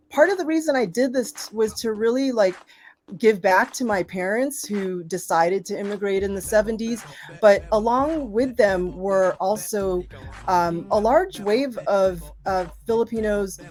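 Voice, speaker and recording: This woman, a college professor from the Boston area, is a guest on a live show, chatting casually and freely with plenty of fillers while putting questions to the audience. Her voice sits in the mid-range, a little slow and a little mellow.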